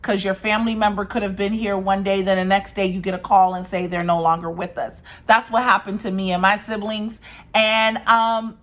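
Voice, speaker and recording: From her dining room beside a windy patio, a D.C. realtor in her forties gives viewers, whom she calls "guys," a casual market rundown to camera. Her mid-range voice is steady and a bit bright at a normal speed, and she drives her points home by repeating them.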